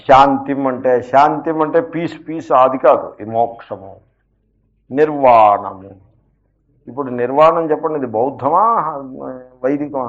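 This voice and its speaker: A male spiritual teacher giving a scripture lecture in a somewhat raised voice. He explains step by step, puts rhetorical questions to his listeners and slows down for emphatic asides. The recording sounds dull and lo-fi. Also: fairly high pitch.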